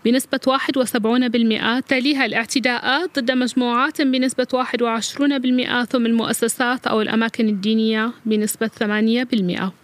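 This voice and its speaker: A woman's voice: on the high side, fairly even intonation, rapid-fire, hardly any pauses, no echo. A woman reading a scripted translation as a voice-over narrator.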